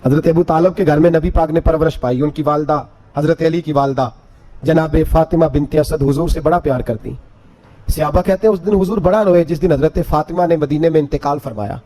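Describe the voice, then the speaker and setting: A man delivering an emotional sermon, his voice sitting high for a male speaker. He swings from soft storytelling to fervent peaks. Now and then he slides into melodic sung couplets. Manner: impassioned, rising and falling delivery that breaks into sung verse. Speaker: preacher.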